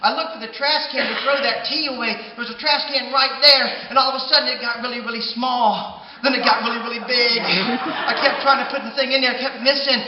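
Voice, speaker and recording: A man telling a comic tall tale on stage, with punchy delivery and loud outbursts. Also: very high-pitched, steady tone, a little fast, crowd noise. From southeastern United States. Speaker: professional storyteller. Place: stage at a live storytelling contest. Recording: distant, dull, noisy hall recording.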